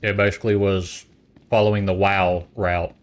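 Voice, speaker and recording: A man's voice: deep voice, level tone, normal speed. A young adult man casually chatting while streaming a game, rambling and eating as he talks. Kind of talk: casual gaming stream chat.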